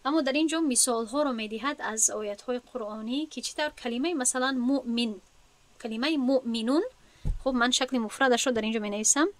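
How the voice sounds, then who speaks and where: A woman's voice: a little high, a bit bright. A woman with a Tajik accent teaching an Arabic grammar lesson, patiently explaining and asking her students questions before answering them herself.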